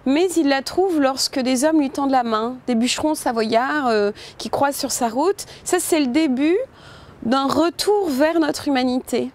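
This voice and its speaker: A woman's voice: high-pitched, unhurried. A woman film director talking in an interview, thoughtful and informal, with frequent hesitations and restarts. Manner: informal, addresses listener with "tu vois". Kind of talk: interview about her film.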